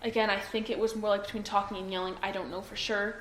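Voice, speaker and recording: A woman's voice: medium pitch, flat delivery, fast, a bit bright. A young woman being interviewed by police, hesitant and full of ums and self-doubt. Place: interview room. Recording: echoey room, faint noise.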